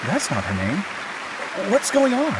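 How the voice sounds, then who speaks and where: A puzzled theatergoer in a crowd. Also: male voice, sits high, wildly swooping pitch, slow, very noisy, full character voice. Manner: puzzled, questioning. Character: surprised male theater spectator.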